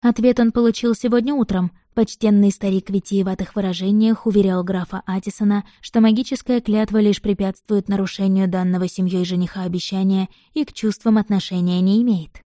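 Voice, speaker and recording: A woman reading a novel aloud in even, measured scripted narration. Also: medium pitch, dry recording, clean studio sound. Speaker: audiobook narrator.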